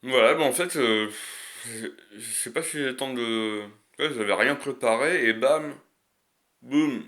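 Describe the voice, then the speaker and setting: A man's voice: medium pitch, fairly bright tone. A man with a lisp that makes his s slushy, talking off the cuff in a casual, hesitant, rambling monologue full of crude slang. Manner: rambling, hesitant, frequent long searching pauses. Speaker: video creator.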